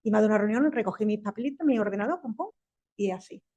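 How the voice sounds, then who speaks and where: On a panel, a fifty-something woman with a Spanish accent, a tech executive, talks in a mid-range voice, quick and lively, frequently laughing and starting her sentences over. The audio sounds dull.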